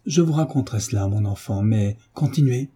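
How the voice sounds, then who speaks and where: A man reading a devoted tutor who speaks gently and earnestly to his pupil. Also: lowish voice, lively intonation, fairly quick, husky. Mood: gentle earnest.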